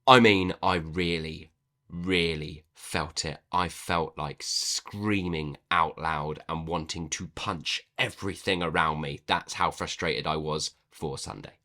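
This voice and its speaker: A man giving a casual book review to the camera, animated and playful, with self-mocking asides. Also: very deep voice, slow.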